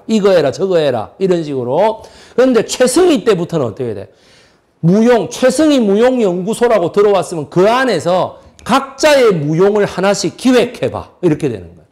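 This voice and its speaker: A middle-aged man lectures on history, tossing out rhetorical questions and then answering them himself. His voice sits high and swings up and down with a lot of energy. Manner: lively, asks and answers his own questions.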